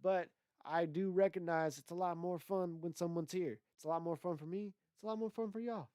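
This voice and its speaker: A man's voice: high voice, a little fast, a little mellow, clean tone, no room sound, clean studio sound. A man hosting a solo livestream podcast, talking in a loose, rambling way with a lot of swearing, his voice stuffy from congestion. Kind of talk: casual profane livestream rant.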